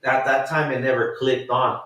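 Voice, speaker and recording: A man in his thirties from the US tells a profane, rambling story, animatedly acting out the quotes. His voice is mid-range at normal speed, and he sits far from the mic in an echoey room.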